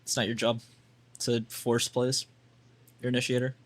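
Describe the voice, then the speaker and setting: A man with a medium-pitched, completely flat voice talks at a moderate pace. He coaches a player through their gameplay in a casual, blunt, chatty way, filling his speech with "like."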